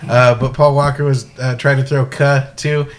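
A man's voice: medium pitch, flat delivery, normal speed. A man co-hosting a podcast, joking and rambling through casual chat. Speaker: podcast co-host.

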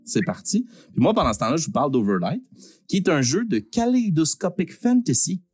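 A Québécois man hosting a live giveaway in a booming prize-announcer manner, informal and joking, with some swearing. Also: very animated, brisk, a little mellow, husky, no room sound, studio quality. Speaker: host of a live-streamed prize draw.

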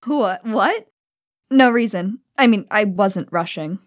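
A woman's voice: mid-range voice, expressive, slow pace. A woman playing a jittery, sarcastic kid in an audio drama, flustered and defensive. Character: jittery, evasive, sarcastic kid called Tink.

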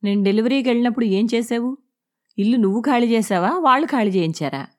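A wounded young wife in an audio storybook, read by a woman, confronting her husband. Her voice rises sharp and accusing, tight with bitterness. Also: mid-range voice, lively intonation, a little fast, close to an everyday voice. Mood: bitter, accusing. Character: wronged young wife and new mother, bitter.

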